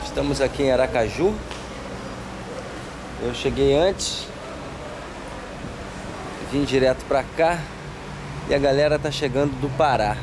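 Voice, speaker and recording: Man vlogging over loud street noise. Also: medium pitch, measured pace, pauses often. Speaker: touring musician vlogging. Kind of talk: casual vlog narration.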